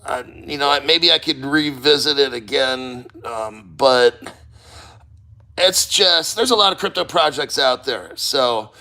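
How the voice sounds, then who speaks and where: A man's voice: a little high, sharp tone. A man livestreaming casually from a cold water plunge, speaking bluntly as a host, with loose motivational rambling and casual swearing. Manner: talking while sitting in a cold water plunge. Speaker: livestream host of a crypto channel.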